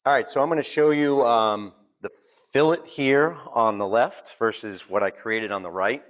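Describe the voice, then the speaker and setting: Boston man demoing CAD software. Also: mid-range voice, normal speed. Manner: relaxed, joking, step-by-step. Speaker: presenter. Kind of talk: live technical demo. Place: conference session room.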